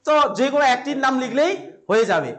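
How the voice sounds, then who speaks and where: A man's voice: extremely high pitch, sing-song, fast. A man with a West Bengal Bengali accent teaching an exam-prep class in a filmed classroom. He quizzes his students, repeats each answer and adds playful asides.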